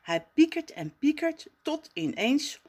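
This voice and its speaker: A woman reading a children's story aloud in a gentle, expressive storytelling manner. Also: high voice, slow pace. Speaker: storybook reader.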